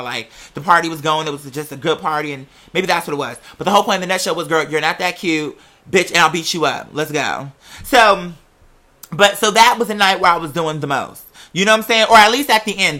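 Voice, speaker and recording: In a mid-range, bright, and forceful voice, a young adult vlogger casually rambles through personal anecdotes for camera or mic. The talk is sassy and emphatic, peppered with profanity-heavy slang.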